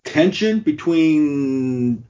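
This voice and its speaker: A man's voice: on the high side, lively intonation, very slow, mellow. Chatty male interviewer, muffled audio. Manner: chatty, laughs easily, searches for words. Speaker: interviewer, host. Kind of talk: casual interview.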